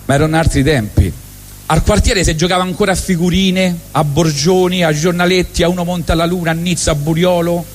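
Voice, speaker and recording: On stage at a live benefit event, a middle-aged man from Rome performs a comic storytelling monologue in a strong Roman accent. He keeps a wry, deadpan tone, breaking into quick acted asides, and his voice sits a little high for a man. The hall lends the sound a long reverb.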